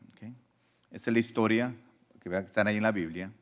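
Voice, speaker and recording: A man preaching a sermon as pastor. He swings from quiet asides to loud emphasis and keeps asking the congregation questions. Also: lowish voice, fairly even intonation, quick pace. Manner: conversational, asks the congregation questions.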